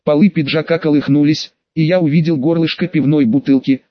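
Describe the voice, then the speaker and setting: A man narrating a first-person audiobook story in a measured storytelling manner. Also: a little high, fairly even intonation, no room sound. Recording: dull, dry audiobook recording.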